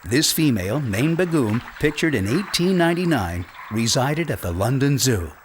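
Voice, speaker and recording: A man reading scripted nature documentary narration in a measured, dramatic storytelling way. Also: mid-range voice, very animated, a little hiss or hum. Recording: loud music under the voice.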